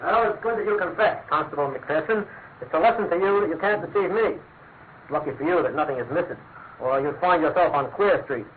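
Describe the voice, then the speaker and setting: An actor playing a smug, blustering police inspector in a classic radio drama, emphatic and officious. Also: male voice, a little high, fairly quick, natural voice. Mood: pompous. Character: blustering, self-satisfied male police inspector. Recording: tinny, narrow-band old radio, noisy.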